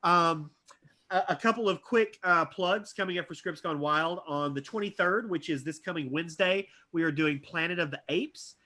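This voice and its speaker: A man's voice: on the high side, normal speed, pushed and bright. Upbeat man reading stage directions. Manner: upbeat, jokey, many fillers. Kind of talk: live script reading narration and wrap-up.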